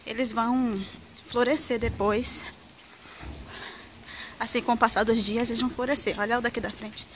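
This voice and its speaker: At a normal pace and in a steady tone, a young woman with a voice on the high side chats to her handheld camera, held at arm's length, as a vlogger. She's from Salvador with a Bahian Brazilian Portuguese accent, filming at home and on city streets, and the recording is noisy with ambient sound.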